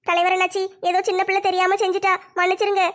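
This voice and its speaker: A woman's voice: monotone, fairly bright tone. A woman playing a tearful, meek village mother in a family skit, pleading and apologizing. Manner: pleading, apologetic, speaks fast and high.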